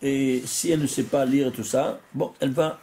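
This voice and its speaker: A rabbi giving a religious lesson, animated, quizzing his listeners with rhetorical questions and often restarting and repeating words. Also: mid-range voice, moderate pace.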